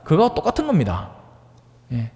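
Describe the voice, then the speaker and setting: Lively priest preaching in a hall. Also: male voice, fairly high pitch, moderate pace. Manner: conversational, asks the audience for agreement; acts out voices in dialect-tinged asides. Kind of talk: homily on the Gospel.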